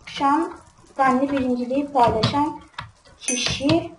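Woman host doing casual game commentary to viewers; quick to complain, recorded distant in an echoey room. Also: sits high. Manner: grumbling, easily frustrated, talks straight to viewers. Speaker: gaming channel host. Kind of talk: casual let's-play commentary. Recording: roomy, distant mic with background noise.

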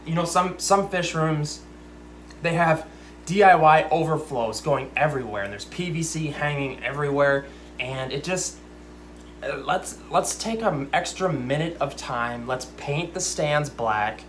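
A man's voice: a little high, unhurried, a bit bright, a little hiss or hum. A young man hosting an aquarium channel, chatting casually and rambling into ranty, self-aware asides while reading viewer comments. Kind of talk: casual livestream chat. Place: fish room with lit aquariums, indoors. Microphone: desk camera at close range.

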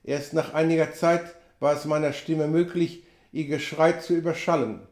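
A man reading a classic adventure novel aloud as an audiobook, in measured, even storytelling. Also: a little high. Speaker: audiobook reader. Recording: roomy echo.

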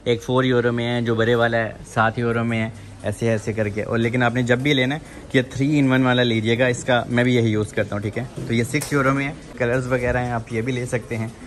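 Speaking a little fast with few pauses, this man's medium-pitched voice barely moves in pitch. He's vlogging casually on his phone as he strolls a large indoor mall supermarket, chatty, addressing viewers as "janab" and repeating "theek hai" often, with noisy store sounds around him.

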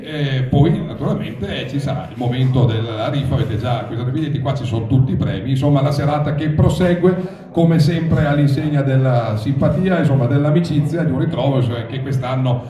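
A middle-aged man hosting a live event and auction on a handheld microphone, speaking in a halting, wordy, improvised way. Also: mid-range voice, warm tone, highs cut off. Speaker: master of ceremonies and charity auctioneer. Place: crowded restaurant dining hall, indoors. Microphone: handheld microphone over speakers, recorded by audience camera. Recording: roomy hall PA, distant, audience chatter.

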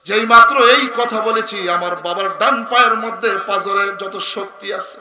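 A man preaching a sermon to a gathering in a Bangladeshi Bengali accent, impassioned, rising into chanted shouts. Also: high-pitched, moderate pace. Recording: echoey PA sound with loud noise.

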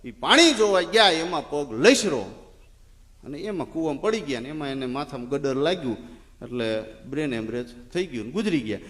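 A male folk comedian, telling an animated comic story on stage and acting out villagers' voices. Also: on the high side, moderate pace, in a large hall.

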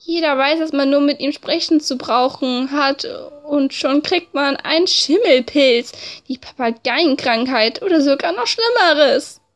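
High-voiced woman reading a game aloud. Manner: expressive, informal. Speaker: let's play narrator. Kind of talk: reading visual novel text aloud, with casual asides.

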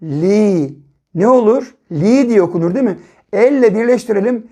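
A primary school teacher giving an early reading lesson to children, sounding out syllables slowly and repeating each word several times with frequent check-in questions. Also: medium pitch, lively intonation, warm tone.

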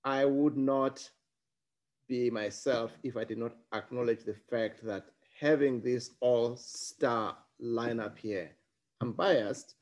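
Speaking slowly in a medium-pitched, slightly mellow voice, a middle-aged school headmaster gives a welcoming webinar address. He talks earnestly and emphatically over a video call, picked up by his webcam in a home study lined with bookshelves.

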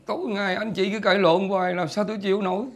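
A man's voice: sits high, little pitch movement, a crowd in the background. An actor playing a fretful old father who stammers and repeats himself in a comedy sketch. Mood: weary. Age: older. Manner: halting, stammering repetitions.

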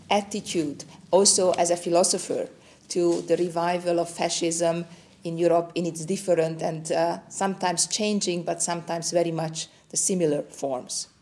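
A woman interviewer asking a measured question in a TV studio. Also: on the low side, darkish tone.

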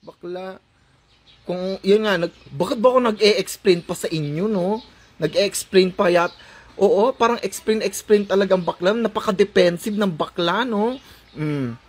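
A high-voiced Filipino man mocks his critics in a teasing, sarcastic vlog rant. He drops English words into his talk and keeps the tone needling throughout. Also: a little slow. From Philippines. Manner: sarcastic, taunting, mixes English into Tagalog. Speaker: vlogger. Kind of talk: mocking commentary.

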